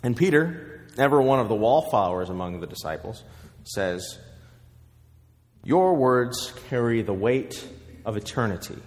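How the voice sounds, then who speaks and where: A man preaching a sermon, telling a story with measured pauses. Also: medium pitch, big-room sound.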